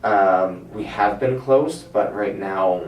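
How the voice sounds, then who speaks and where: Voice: low voice, slow. A person speaking informally as a counselling client, hesitant and searching for words. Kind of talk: hesitant conversation. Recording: roomy, distant mic, faint noise.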